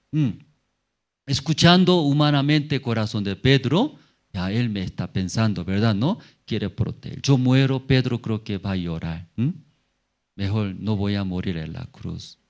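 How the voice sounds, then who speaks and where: Man, pastor, sermon, unhurried delivery, halting phrases, tag questions, loud bursts and soft murmurs. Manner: swings between emphatic high bursts and low murmurs. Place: church.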